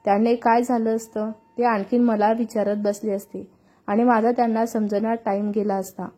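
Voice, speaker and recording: A hot-tempered young woman, sharp-tongued and irritated, firing back at everyone, as a female narrator plays her. Her voice is fairly high, husky and soft-toned, read as a storybook character. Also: little pitch movement, moderate pace, lightly acted. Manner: irritated, snapping.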